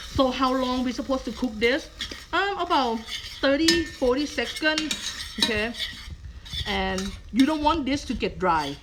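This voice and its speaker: A middle-aged Thai woman with a Thai accent, a culinary professor, leads a live cooking demonstration in a kitchen. Her mid-range voice is patient, and she checks in with listeners often with a frequent "okay?". The background is noisy.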